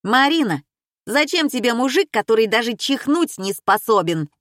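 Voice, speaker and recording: A woman voicing a brash, flippant man who mocks the others, pitched noticeably higher than her narration. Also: sing-song, moderate pace, fairly bright tone, no echo, studio quality. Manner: flippant, mocking. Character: brash mocking man, quick to laugh.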